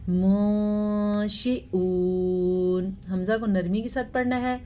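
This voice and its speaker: Woman teaching recitation, slow and deliberate. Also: medium pitch, darkish tone, lo-fi sound, faint music behind. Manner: slow drawn-out recitation between explanations. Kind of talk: tajweed lesson with slow recitation.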